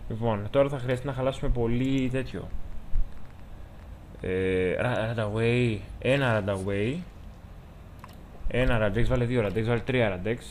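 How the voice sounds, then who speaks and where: A Greek man narrates his own gameplay in a loose, joking way, cheering himself on and bantering with the characters on screen. His voice sits at an ordinary middle pitch, with a faint hum of noise behind it. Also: steady tone, long pauses. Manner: chatty, jokey, talks to the game characters. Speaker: gameplay commentator. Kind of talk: let's-play commentary.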